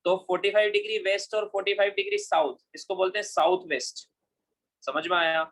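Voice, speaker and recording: A male physics teacher lectures his class in a high, fairly bright voice, speaking fairly quickly with fairly even intonation. He mixes English terms into his speech and keeps checking that students follow, asking "understood?"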